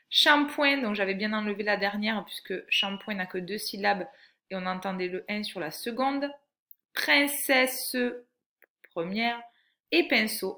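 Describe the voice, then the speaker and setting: Woman, teacher, slow careful delivery, bright tone, patient, speaks to a small child. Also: medium pitch. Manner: patient, clearly articulated, addressing the child as tu. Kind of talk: slow lesson for young children.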